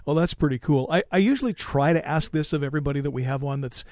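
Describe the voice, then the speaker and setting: A man's voice: a little high, fast talker, a little mellow, dry recording, studio quality. An older man hosting a casual interview, chatty and conversational. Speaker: interview host.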